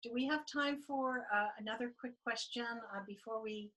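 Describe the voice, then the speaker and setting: A woman's voice: fairly high pitch, moderate pace, fairly bright tone, poor audio. A woman hosting an interview, asking long, searching questions with many fillers and restarts. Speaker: podcast host, life coach. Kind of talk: interview conversation.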